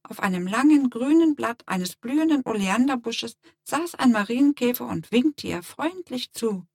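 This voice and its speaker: A woman narrating a children's story in a calm, gentle, expressive way. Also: on the high side, moderate pace, slightly rough, dry recording, clean studio sound. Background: soft music.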